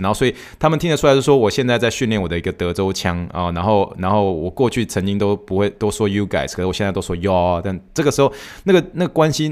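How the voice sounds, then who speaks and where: Fast-talking Taiwanese man, chatty host. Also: fairly low pitch, a little mellow. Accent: Taiwanese Mandarin. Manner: chatty, rambling storytelling with many restarts. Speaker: podcast host. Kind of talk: casual solo podcast chat.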